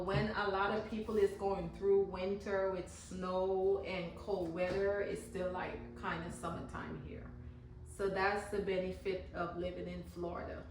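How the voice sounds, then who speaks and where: Making candles in her home garage, a woman from Guyana with a Guyanese accent chats casually as she demonstrates, loosely repeating herself while working. Her voice is medium-pitched over a little hiss or hum, with a distant mic, garage echo, and cars and lawn mowing in the background.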